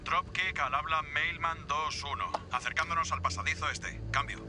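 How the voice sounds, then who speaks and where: A man's voice: fairly high pitch, moderate pace, noisy background, lightly acted. A man playing a hard-nosed marine lieutenant in a video game, firm and terse, with a Castilian Spanish accent. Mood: businesslike. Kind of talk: dramatic game dub acting.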